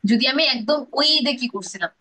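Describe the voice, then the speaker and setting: A woman's voice: on the high side, expressive, fairly quick, pushed and bright, rough recording. A woman with a Bangladeshi accent teaching an English grammar class, drilling pronunciation and mixing English phrases into her explanations.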